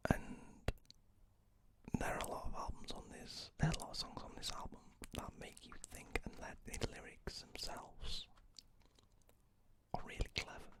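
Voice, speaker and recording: A man speaking in a close, ear-to-ear unvoiced whisper, rambling casually for ASMR with hesitant asides. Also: moderate pace. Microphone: close ear-to-ear ASMR microphone.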